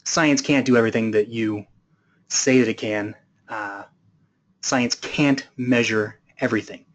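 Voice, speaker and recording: A man's voice: mid-range voice, steady tone, unhurried, dull audio, natural voice. A man voicing a fed-up aristocratic male baron in a told story, exasperated and challenging.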